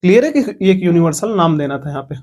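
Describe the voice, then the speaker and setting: A man with a high voice is teaching an online maths lesson. He goes through each point step by step. He often asks the class whether they follow. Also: big pitch swings, quick pace, darkish tone, slight background noise. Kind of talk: online lecture.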